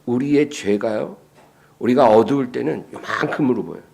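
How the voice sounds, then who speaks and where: A male pastor preaching a sermon. He asks the congregation questions and then answers them, moving between hushed passages and loud, raised lines. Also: mid-range voice, normal speed, gravelly.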